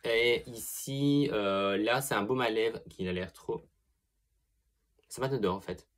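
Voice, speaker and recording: A young man giving a casual makeup product review as a beauty vlogger, chatty and expressive, swearing freely and gushing over products. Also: lowish voice, slow.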